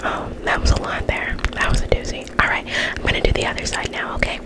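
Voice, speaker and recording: A young adult woman doing an ASMR whispered role-play as an ear cleaner, speaking in a breathy, unvoiced whisper and giving instructions with repeated phrases. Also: fast talker. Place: small bedroom, indoors.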